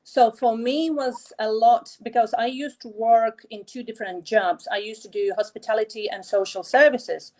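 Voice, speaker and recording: A woman from Latvia, a guest on an online talk, speaking in a hesitant, halting way. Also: fairly high pitch, a little mellow, low-quality recording. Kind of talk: online event chat.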